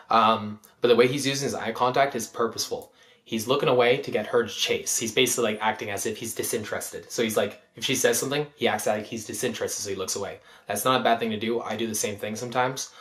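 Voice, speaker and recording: Fast rambling low-voiced man. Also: a bit bright. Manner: rambling, filler-heavy, swears a lot. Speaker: dating coach commentator. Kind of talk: casual reaction commentary.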